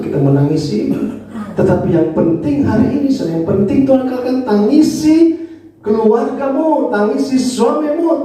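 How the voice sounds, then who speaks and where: A man with an Indonesian accent preaches a Sunday sermon, his voice high-pitched but mellow and dark in tone. He keeps turning to the congregation, switching between raised, emphatic lines and low, muttered asides. The sound booms around a reverberant church hall, heard from some way off the microphone. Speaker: pastor. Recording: echoey hall, voice from a distance.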